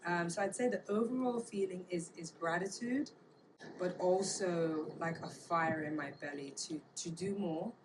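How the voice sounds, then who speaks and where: A woman from Bermuda, talking casually and reflectively in an interview, pausing to search for words. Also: fairly low pitch. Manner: thoughtful, halting, searching for words. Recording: clear background ambient noise.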